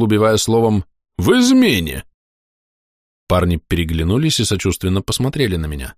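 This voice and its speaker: Low-voiced male audiobook narrator. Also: no echo, studio quality. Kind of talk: first-person audiobook narration.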